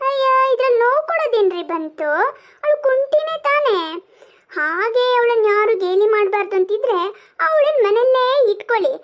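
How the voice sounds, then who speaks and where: Woman doing a scornful shrill cartoon mother. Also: lively intonation, brisk. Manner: scornful, scolding. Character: haughty scornful neighbor mother, spiteful.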